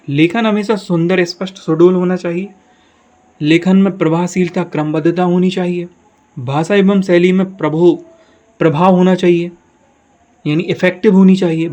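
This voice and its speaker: A man's voice: high-pitched, darkish tone. A man teaching an online exam-prep lesson, explaining step by step and often speaking straight to his viewers.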